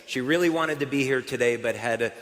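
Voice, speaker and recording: An American man gives a live stage presentation at a company event, chatty and upbeat, with fillers and restarts. His mid-range voice is fast and a bit bright, and the recording has the reverberant sound of a hall.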